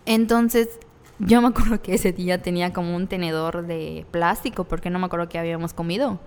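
A woman's voice: on the low side, fairly even intonation, brisk, a little mellow, in a large hall, slight background noise. A young adult woman with a Mexican accent, co-hosting a podcast and telling a personal story in candid, slangy, casual talk, often laughing as she speaks. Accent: Mexican Spanish. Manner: candid, laughs through hard memories, slangy.

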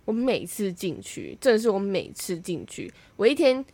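A young woman speaks in a very expressive, up-and-down voice. She is recorded close and dry, with no room sound, and complains in an animated, exasperated way as a chat co-host. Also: mid-range voice, normal speed, no room sound. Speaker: podcast co-host. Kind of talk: casual chat.

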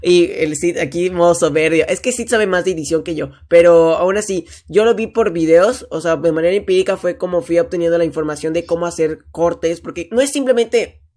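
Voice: medium pitch, a little fast, few pauses, darkish tone. A young podcast host with a Mexican accent, chatting casually and rambling with lots of fillers.

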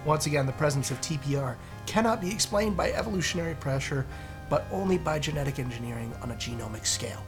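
A man's voice: fairly high pitch, fast, music in the background. A man hosting a casual podcast, reading a post aloud with sarcastic asides and frequent laughter.

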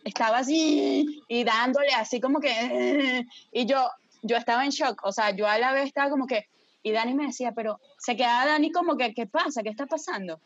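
A woman telling a story casually to friends, dramatic and lively, swearing freely and often checking that her listeners follow. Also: high voice, a little fast, no echo, muffled recording.

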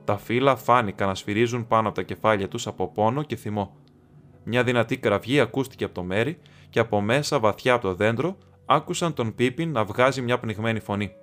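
A man from Greece reading an audiobook aloud in a steady, measured narration. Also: medium pitch. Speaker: audiobook reader. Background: faint music.

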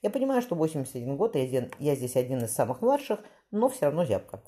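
A woman reading the part of a cautious elderly rabbi in his eighties who speaks in a measured, testing way. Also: deep voice, big pitch swings, dark tone. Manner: measured, searching for words.

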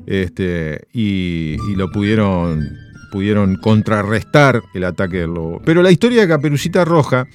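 A man hosting a radio show, telling a story with lively rhetorical questions. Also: fairly low pitch, normal speed, faint music behind. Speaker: radio host. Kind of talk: radio chat and story reading.

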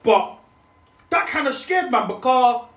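A man's voice: extremely high pitch, measured pace. A young man with a London roadman accent telling a story in casual, slangy banter, often repeating himself as he goes. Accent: London, multicultural street slang. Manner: animated, slangy, repetitive stumbling delivery. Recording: echoey room, distant mic, noisy.

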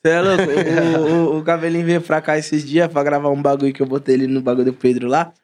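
A man's voice: a little high, little pitch movement, fast talker, darkish tone. A young man with a São Paulo accent chatting casually in heavy street slang as an interview guest. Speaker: music artist, guest. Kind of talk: casual chat.

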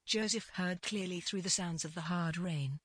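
A woman reads literary fiction slowly and deliberately, her voice a little low, markedly husky and slightly bright. The recording is dry, with no room sound to speak of.

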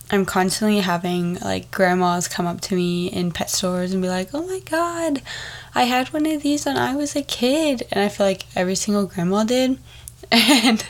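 A young woman with a wheezy, congested voice, chatting casually as a solo podcast host and drifting into rambling asides. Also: lowish voice. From Texas, United States. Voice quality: wheezy, stuffed-up voice.

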